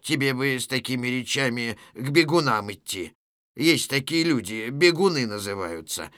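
A man reading a play aloud, voicing an old wanderer who talks in a gentle, folksy way. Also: medium pitch, animated, moderate pace, clean tone, no echo, clean studio sound. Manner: soft, folksy.

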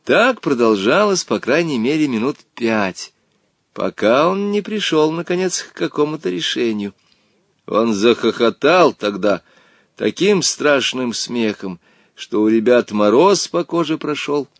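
Slow, lively male audiobook narrator. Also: medium pitch, no room sound, clean studio sound. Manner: expressive, dramatic reading. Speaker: audiobook reader. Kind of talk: scripted narration.

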